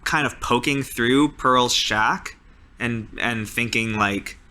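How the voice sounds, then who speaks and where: In a medium-pitched voice with a sharp tone, a man narrates off the cuff as a player in a tabletop roleplaying game, speaking slowly. He stays casual and informal, peppering his lines with "like" and "sort of."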